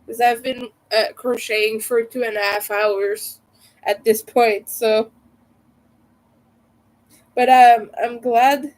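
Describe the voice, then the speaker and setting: A woman's voice: on the high side, darkish tone, rough recording. A woman hosting a casual livestream chat in a rambling way, her voice congested and nasal from a cold, as if her nose were pinched. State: stuffy nose from a cold and allergies. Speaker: livestream host.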